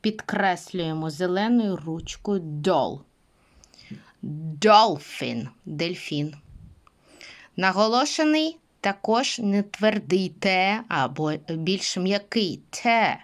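A woman's voice: on the low side, lively intonation, slow. A woman teaching English pronunciation, speaking patiently and repeating words for her students. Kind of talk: pronunciation lesson.

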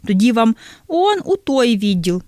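A woman's voice: very animated, a little slow, dark tone, no room sound, clean studio sound. A woman voicing an overly polite, smiling male shop assistant, speaking in a sugary, courteous way. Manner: sugary and courteous, higher pitched.

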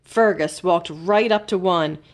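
A library storyteller with a lowish female voice reads a children's book aloud expressively. She uses careful, dramatic emphasis and pauses.

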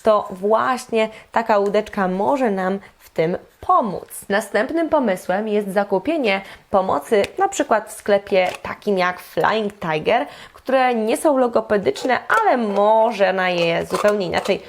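A young woman, a speech therapist, giving a lively instructional lesson and speaking directly to her viewers. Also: medium pitch, a little slow, few pauses, slight background noise.

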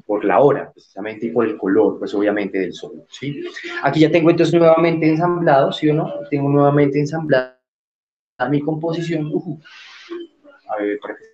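A man's voice: on the high side, moderate pace, darkish tone, muffled recording. A man teaching an online art class, explaining as he works and checking in with frequent tag questions.

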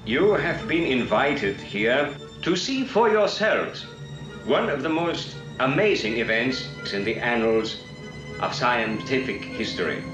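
A formal official on an old film soundtrack. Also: male voice, mid-range voice, very animated. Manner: slow, formal, measured address. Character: formal male official addressing assembled scientists. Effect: old 1960s film soundtrack recording. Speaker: official addressing an audience in a film scene. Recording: roomy, distant vintage film audio with music. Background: music score.

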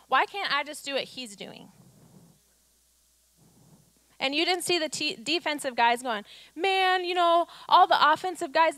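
A woman in her thirties preaches from a church stage with a high, bright voice. She drives her points home with rhetorical questions and acts out quotes. The sound through her handheld mic is close and dry. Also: no room sound. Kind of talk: sermon.

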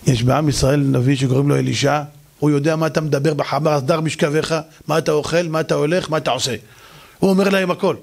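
A man's voice: on the high side, steady tone, gravelly, a little mellow, voice pushed down. A man voicing a deferential young servant girl explaining to her master. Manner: respectful, explaining.

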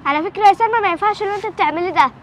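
A woman's voice: very high voice, very fast, slight background noise. A young woman with an Egyptian accent playing a studious, preachy schoolgirl sister who lectures eagerly. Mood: scolding.

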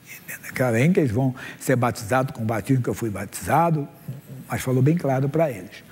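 A man's voice: medium pitch, brisk, a little mellow, husky. A man in his sixties, a pastor preaching a sermon from the stage to his congregation, reading Bible verses aloud and asking them questions. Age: 60s. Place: church stage before a congregation. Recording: long hall reverb.

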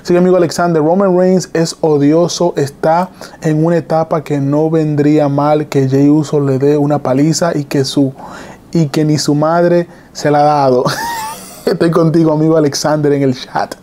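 A man hosting a live stream, excitedly retelling wrestling events and reading chat messages. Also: on the high side, moderate pace. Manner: excited, repetitive play-by-play retelling.

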